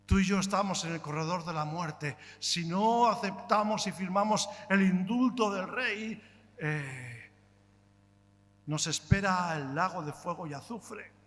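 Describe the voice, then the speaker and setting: Male pastor, high and bright delivery, fervent sermon style with sudden loud and soft turns, long church-hall reverb. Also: unhurried. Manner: impassioned, rhetorical questions, swings between loud and hushed. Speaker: preacher.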